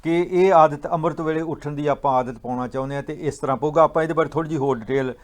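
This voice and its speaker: A man with a slightly raised voice gives a patient religious talk. He explains ideas step by step and slows down to recite verses in a measured way. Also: a little high. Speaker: guest speaker on Sikh scripture.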